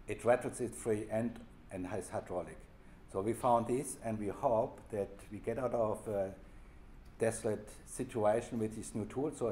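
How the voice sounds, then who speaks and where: In a workshop room, a German-accented program leader presents an off-the-cuff update in a lowish, slightly mellow voice. He uses simple, informal language and restarts phrases as he goes, with slight background noise behind him.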